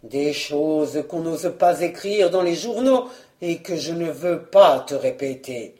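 A woman reading a storybook voices a timid, evasive baron, lowering her voice and speaking hesitantly. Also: animated, a little slow, mellow, roomy sound, natural voice. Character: timid, evasive middle-aged baron collector.

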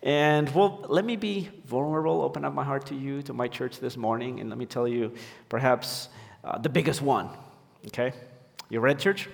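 Pastor from Ecuador in a reverberant hall. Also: male voice, mid-range voice, normal speed, creaky. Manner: hesitant, many fillers and restarts. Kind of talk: sermon. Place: church sanctuary.

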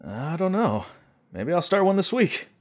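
A man's voice: high voice, very animated, unhurried, pitched above the performer's own voice, exaggerated voice. A man voicing a drowsy, dazed young stoner artist in an audiobook. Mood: spacey. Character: stoned young male artist, slow and spacey. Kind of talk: audiobook character voice.

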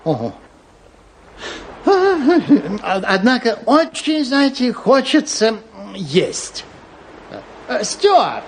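Flustered, swooping-voiced eccentric gentleman traveller. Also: very high-pitched, wildly swooping pitch, very slow, long pauses, a little hiss or hum, heavily acted. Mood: eager, sociable. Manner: effusive, flustered, stammering and chattering. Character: eccentric, absent-minded, talkative gentleman traveller, fussy and cheerful. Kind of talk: old radio show acting.

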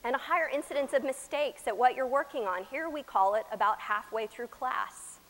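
A woman from Texas with an American accent preaching a sermon, with deliberate, emphatic phrasing, dramatic pauses and swings from loud to soft. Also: high-pitched, a little hiss or hum. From Texas, United States. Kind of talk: sermon to a chapel congregation. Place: large chapel, speaking to a congregation. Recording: echoey hall with long reverb.

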